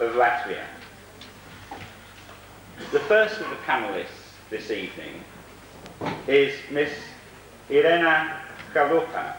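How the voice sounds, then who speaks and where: A man speaks formally and solemnly as the chair of a panel. His medium-pitched voice comes from some distance in a heavily reverberant hall. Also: a bit bright. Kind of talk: formal speech and introductions. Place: large echoey room at a conference. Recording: very echoey hall, distant mic, faint noise.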